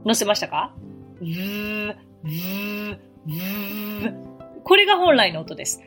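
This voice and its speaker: A woman hosting a podcast English lesson who explains patiently and repeats English phrases slowly for learners to practice. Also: fairly high pitch, sing-song, a bit bright, faint music behind. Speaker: English teacher and podcast host.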